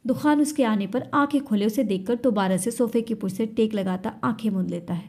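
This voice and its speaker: A woman narrating a romantic drama story in steady scripted storytelling. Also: on the high side, fairly quick.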